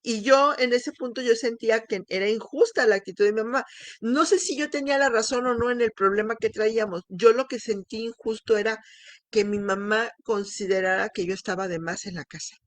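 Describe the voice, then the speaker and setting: A woman's voice: on the high side, brisk, no room sound. A middle-aged woman, telling a candid, emotional personal testimony, with restarts and laughs. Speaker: speaker sharing her testimony.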